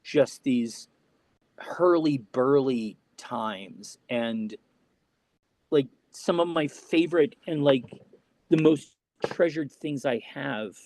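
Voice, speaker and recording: A man who performs at Renaissance fairs, telling a heartfelt story slowly and haltingly, with many restarts, choked up with emotion. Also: medium pitch, a little mellow, no echo.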